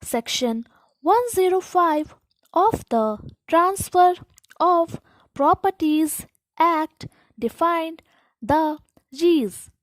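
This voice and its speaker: A woman giving slow school dictation, reading formal text aloud in short, deliberate phrases with pauses between them. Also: extremely high pitch, dry recording, rough recording. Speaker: dictation instructor.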